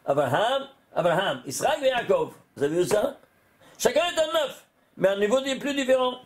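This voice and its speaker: A man, a rabbi, giving an animated Torah lesson, often exclaiming and putting questions to his listeners. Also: sits high, normal speed.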